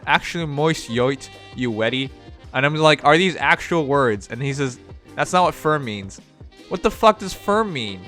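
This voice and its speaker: At a normal speed and with soft background music, a Canadian livestream host reads his chat aloud in an expressive voice that's on the high side and fairly bright. English isn't his first language, his Chinese accent is slight, and his commentary rambles, blunt and profane.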